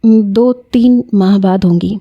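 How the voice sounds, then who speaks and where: Scared young student girl, played by a woman narrator, pleading, pitched up, mellow. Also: no room sound, highs cut off, natural voice. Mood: hesitant. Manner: pleading, breathless, higher voice. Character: frightened young female student, tearful.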